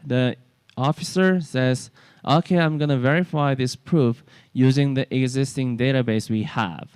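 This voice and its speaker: A man from South Korea with a Korean accent giving a technical workshop talk, halting with many fillers and restarts. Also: medium pitch, a little mellow, smooth, no echo. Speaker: workshop presenter. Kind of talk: technical lecture. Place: conference workshop room.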